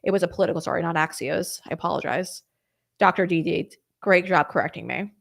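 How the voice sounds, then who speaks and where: A young woman hosting a live stream, chatting casually and rambling through viewer comments with quick apologetic asides. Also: lowish voice, creaky. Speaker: host of a political live stream.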